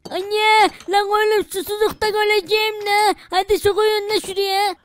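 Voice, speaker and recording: A woman voicing an angry, thirsty village man who shouts slangy complaints in a game role-play. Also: very high voice, little pitch movement, normal speed. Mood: complaining.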